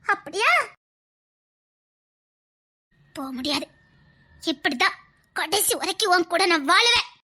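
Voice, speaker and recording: A woman playing a shrill, tearful young lover. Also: expressive, moderate pace, sharp tone, heavily acted. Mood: insistent. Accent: Tirunelveli Tamil. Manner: tearful, insistent, laughing through sobs. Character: devoted young woman clinging to her paralysed lover. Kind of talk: comedy skit acting.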